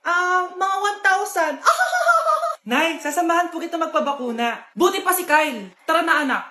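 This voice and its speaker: A woman performing comedy skits and playing every part herself, switching quickly between characters. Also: very high-pitched, pushed and bright.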